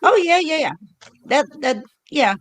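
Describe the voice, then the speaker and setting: This older woman's voice is high-pitched and unhurried, with lively intonation. As host of her own livestream, she chats casually and spins meandering stories, often using fillers and starting over.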